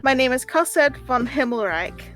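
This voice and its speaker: A prim young noblewoman with a touch of haughtiness, as a woman puts her on. She speaks with a lifted, mannered politeness, a little higher than plain talk. Faint music plays underneath. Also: lively intonation, moderate pace, fairly bright tone.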